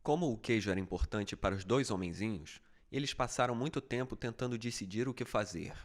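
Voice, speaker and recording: A man narrating a fable as an audiobook, with steady, even storytelling. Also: on the low side, fairly quick.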